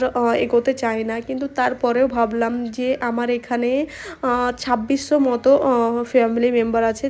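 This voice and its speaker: A young woman, a makeup artist, chatting casually while doing her makeup, talking fast with many pauses and fillers. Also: a little high. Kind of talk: casual talk during a makeup tutorial. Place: home room with an open window. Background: street noise through the window.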